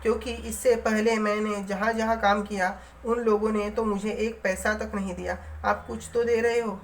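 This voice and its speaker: A woman's voice: mid-range voice, level tone, moderate pace, lightly acted. A woman reading the part of a timid young governess who speaks meekly and tremblingly, in a storybook-style reading. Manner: meek, trembling.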